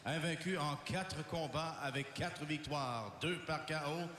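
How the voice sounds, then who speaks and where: Slow, booming-echo male boxing ring announcer. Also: fairly bright tone. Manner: measured, declamatory. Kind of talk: formal bilingual boxing ring announcing, drawn-out names. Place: boxing arena. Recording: echoey arena PA with long reverb.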